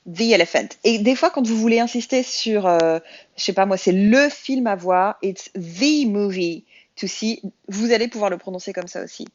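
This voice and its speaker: A woman's voice: mid-range voice, a little fast, no room sound, dull audio. Chatty French-speaking woman teaching English. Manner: chatty, slangy, addresses viewers directly. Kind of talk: casual lesson explanation.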